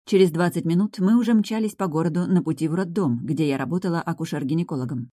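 A woman reads a first-person novel in an even, steady storytelling voice. Her pitch is on the low side and her tone mellow. The close studio mic gives a dry sound. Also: quick pace, no room sound. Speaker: audiobook narrator. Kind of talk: first-person scripted audiobook narration.

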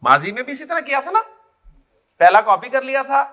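In this Arabic grammar lecture, a Pakistani man speaking with an Urdu accent drills word forms out loud and frequently makes sure students are keeping up. His very high voice swings widely in pitch and sounds bright and forceful.

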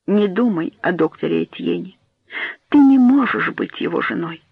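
A man's voice: high-pitched, lively intonation, moderate pace, vocal fry, slightly rough, no room sound, exaggerated voice. A man playing a grave dying mother. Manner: grave, hushed, imploring. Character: dying mother hiding a grim secret. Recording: tinny phone-like dry audio.

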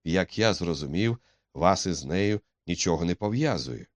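A man with a very deep voice playing an arrogant, threatening young man who speaks curtly. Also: lively intonation, normal speed, no echo. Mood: cold. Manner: curt, threatening. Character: arrogant menacing young male rival.

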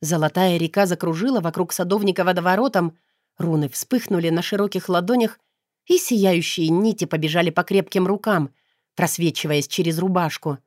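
A woman narrating a first-person fantasy audiobook in a steady, expressive storytelling voice. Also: lowish voice, normal speed, no echo, studio quality.

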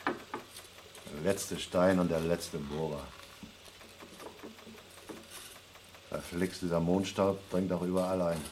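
An actor playing a gruff, sardonic astronaut on the Moon in a German radio play. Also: male voice, low voice, flat delivery, unhurried, noisy background. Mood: dry. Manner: dry, sardonic, grumbling.

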